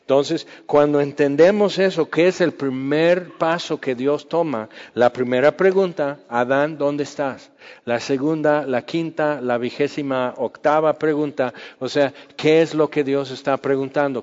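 A male preacher delivers a sermon, chatty and lively, voicing the people he quotes and sometimes falling to a near whisper. His voice sits a little high. The sound is dull and rings with a long reverb, as in a large hall. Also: a little slow. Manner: conversational, acts out quoted voices with dramatic drops to a hush.

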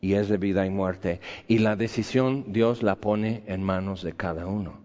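Full of rhetorical questions, this sermon comes in a conversational, argumentative style from a man whose voice sits low and is a little mellow, at normal speed. The sound is dull and lo-fi, echoing in a hall.

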